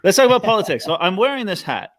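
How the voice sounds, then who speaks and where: An American man talking casually as a guest panelist on a livestream, animated in telling his stories and acting out reactions. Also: high-pitched, fast, no room sound, studio quality. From Los Angeles, United States.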